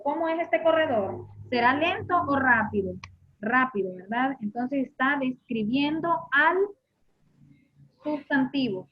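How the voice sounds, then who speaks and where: A woman with a high, bright-pitched voice leads a classroom lesson, walking her students patiently through each point. She repeats her questions and quizzes the class as she goes. The recording sounds muffled and lo-fi. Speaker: English teacher.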